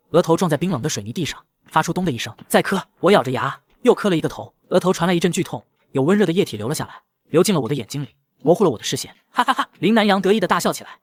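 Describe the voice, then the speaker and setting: A man narrating a dramatic first-person story in a quick, scripted manner. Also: a little high, no echo.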